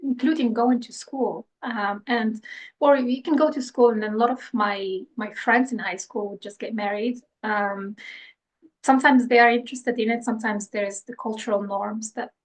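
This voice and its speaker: A Moroccan scientist in her thirties is a podcast guest in a conversational interview, speaking thoughtfully but hesitantly with frequent fillers and restarts. Her voice is a little high and steady at normal speed, and the recording is rough.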